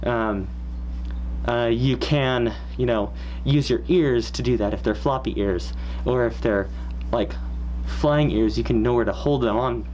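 A young man talking through a costume head in a casual how-to, relaxed and full of fillers and pauses. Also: mid-range voice, a little hiss or hum, poor audio. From Washington State, US. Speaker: fursuit performer.

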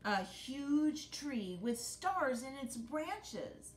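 A middle-aged woman reads a picture book aloud to children, telling the story expressively and dramatically with pauses and gasps for effect. She's indoors in a living room beside a brick fireplace, picked up by a camera a short distance away. The home recording sounds roomy, with a rumbling noise underneath.

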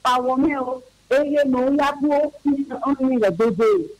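Man, very high voice, rambling correspondent on a radio call-in, dry sound. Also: no room sound, low-quality recording. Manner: rambling, halting.

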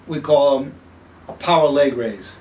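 A man in his seventies talking to camera in a small home gym, rambling and halting with many pauses and fillers. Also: medium pitch, a little mellow, far from the mic, a little hiss or hum. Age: 70s. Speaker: fitness vlogger promoting his product. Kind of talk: casual talk to camera.

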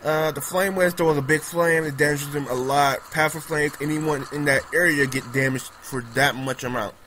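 A man casually commenting on his own game as he plays, excitable and prone to repeating himself. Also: on the high side, moderate pace, a little hiss or hum, low-quality recording. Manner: excitable, repeats pleading words, laughs often. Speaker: gamer recording gameplay commentary. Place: at home on a laptop.

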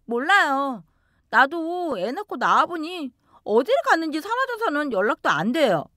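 A woman's voice: sits high, big pitch swings, moderate pace, pushed and bright, no echo, clean studio sound, pitched above the performer's own voice, exaggerated voice. A woman voicing a defiant young woman who answers back in a sulky, whining way.

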